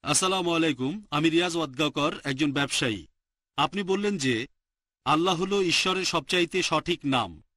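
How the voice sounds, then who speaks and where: A man's voice: on the high side, sharp tone, no room sound, studio quality. A man in the audience, a businessman, politely asking the lecturer a formal question. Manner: polite and measured.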